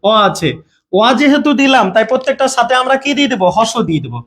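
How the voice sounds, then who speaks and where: Very high-pitched male teacher running a live online class, always quizzing students and asking "okay?". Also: big pitch swings, fast talker. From Bangladesh. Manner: repeats questions to students, checks understanding often. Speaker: grammar teacher.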